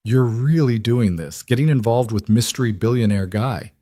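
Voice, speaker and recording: A man's voice: mid-range voice, normal speed, warm tone, no echo, studio quality, natural voice. A man doing a teasing young roommate.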